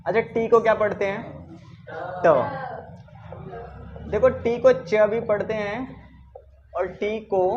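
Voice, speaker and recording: A man's voice: sits high, darkish tone. Guy teaching a class, keeps asking questions back, kinda dull muffled sound with a little hiss behind. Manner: constantly quizzes students and checks understanding. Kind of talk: classroom-style English pronunciation lesson. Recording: dull lo-fi recording with faint background noise.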